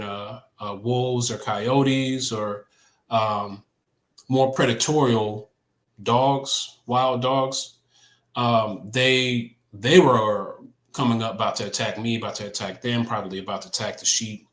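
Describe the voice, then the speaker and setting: Halting low-voiced man in a roomy echo. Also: fairly bright tone. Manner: halting, many ums and restarts. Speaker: co-host. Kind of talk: casual faith chat, recounting a dream.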